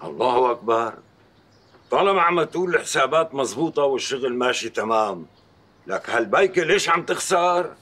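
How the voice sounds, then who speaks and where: A man's voice: mid-range voice, lively intonation, brisk. A hot-tempered strict father. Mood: worried. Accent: Syrian. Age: middle-aged. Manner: gruff, scolding, shouts when crossed. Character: stern middle-aged man, strict, quick-tempered father. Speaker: shop owner. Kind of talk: TV drama acting.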